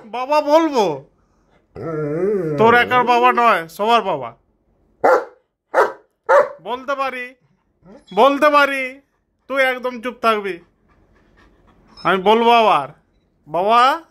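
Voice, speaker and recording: A man's voice: very high voice, animated, slow pace, pauses often, pushed and bright. A man vlogging about his pet, talking to his dog in a teasing, playful scolding way. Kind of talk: casual talk to a pet dog.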